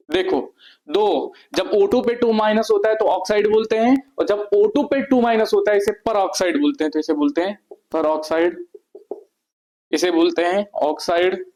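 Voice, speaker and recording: A man lectures on chemistry at a board like a teacher walking students through a slide, repeating each term and asking questions he then answers himself. His voice sits a little high and is slightly mellow, and the recording is rough.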